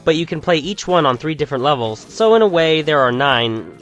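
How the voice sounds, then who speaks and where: A man's voice: fairly high pitch, animated, brisk, a bit bright. A man reading out a scripted, enthusiastic video game review. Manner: upbeat, enthusiastic.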